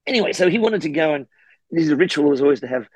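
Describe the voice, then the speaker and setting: Middle-aged Australian guest, slightly high husky voice, animated storyteller. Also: male voice, fast, no echo. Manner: animated, acts out quoted voices. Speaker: guest, historian and author. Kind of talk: casual anecdotal storytelling.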